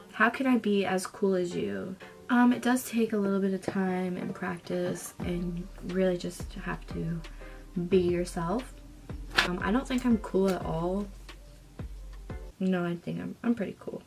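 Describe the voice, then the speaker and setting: A young woman talks her way through a makeup look in an unhurried, chatty vlog voice, with a gravelly edge of vocal fry under her words. She slips into whispers every so often, and music plays behind her. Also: on the low side, fairly even intonation. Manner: chatty, drifting into whispers now and then. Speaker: beauty vlogger. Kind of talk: casual makeup vlog chat.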